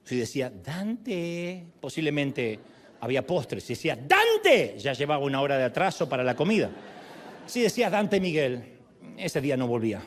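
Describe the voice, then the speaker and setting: Speaking fast in a mid-range voice, a male pastor preaches, animating his storytelling by acting out the people he quotes.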